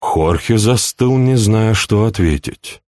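A man narrating a novel as an audiobook, in an even, measured way. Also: lowish voice, dry recording, clean studio sound. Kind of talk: scripted narration.

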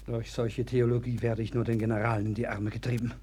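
A male actor plays a desperate king who will not let go of hope. His is theatrical, medium in pitch, swinging between outcry and hush. The radio-play record from the early sixties has a light crackle. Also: flat delivery, fast talker, lightly acted. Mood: defensive, agitated. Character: desperate, wavering, doomed king clinging to hope. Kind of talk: German radio play acting. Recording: crackly, noisy early 1960s vinyl record.

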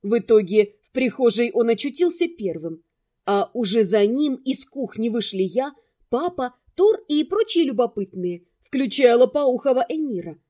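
A woman calmly narrating a first-person fantasy audiobook. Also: a little high, moderate pace.

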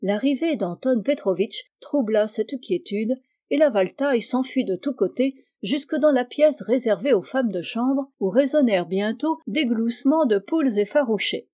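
A woman reading a classic novel aloud in an even, measured storytelling manner. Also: on the high side. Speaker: audiobook reader. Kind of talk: scripted narration.

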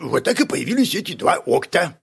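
Guy doing a husky crackly con man, smarmy and wheedling. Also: on the high side, sing-song, fairly quick, voice pushed up, full character voice. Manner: wheedling, self-important. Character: sly big-eared male swindler, smooth-talking.

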